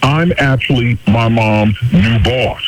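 A man's voice: mid-range voice, slow pace. A man calling in to a radio show anonymously, his voice disguised by a voice changer, earnestly telling his story and building suspense. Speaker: caller confessing anonymously. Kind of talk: casual radio call-in chat.

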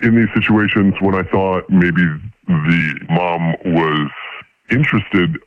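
A man in his fifties calling in through a voice changer that shifts his voice deep, telling a story in a hesitant, casual way. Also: steady tone, slow, no room sound. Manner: hesitant, filler-laden telling. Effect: voice changer shifting the pitch deep. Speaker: caller. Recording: tinny phone line.

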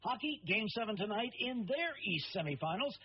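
A man reading a brisk, punchy radio sports roundup, taped off the radio. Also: high-pitched, big pitch swings, breathy edge. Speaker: sports newscaster. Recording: lo-fi radio recording.

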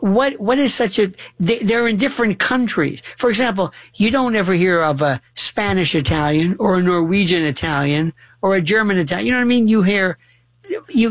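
A man's voice: high voice, no room sound. Male talk-radio host: eager, probing questioner, casual restarts, dry close studio sound.

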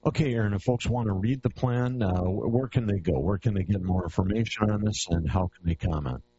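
A man's voice: lowish voice, brisk, dark tone. A man hosting a radio interview, asking plain, friendly questions, heard as a recording taped off the radio. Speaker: radio outdoors show host. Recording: dull lo-fi radio tape with faint hiss.

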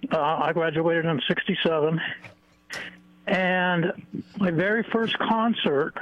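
An older man from Santa Barbara, California, calling in to a radio show over a phone line and reminiscing in a rambling, halting way. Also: a little high, fairly even intonation, dry recording. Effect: heard over a phone line on the radio. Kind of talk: call-in reminiscing. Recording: dull, dry phone-line audio.

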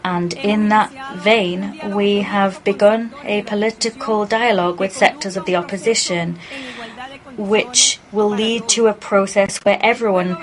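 A woman giving a translation voice-over as a simultaneous interpreter, in a measured, halting delivery. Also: medium pitch, fairly even intonation, a crowd in the background, low-quality recording. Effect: translation voice-over of a speech.

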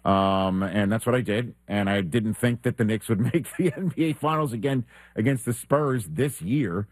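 A man's voice: fairly low pitch, normal speed. Chatty man hosting a sports show. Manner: chatty, laughing, lots of ums. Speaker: sports talk show host. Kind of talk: casual sports talk. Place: radio studio.

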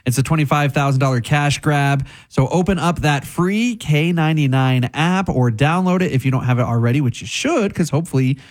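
A male radio host with a somewhat high-pitched voice. He delivers a contest promotion in a presenter's style. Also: brisk, hardly any pauses.

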